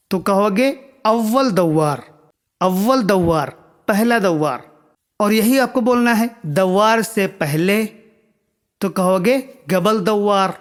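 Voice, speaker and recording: High-voiced patient male language teacher. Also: in a large hall. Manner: patient, repeats each word slowly with frequent comprehension checks. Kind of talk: spoken language lesson.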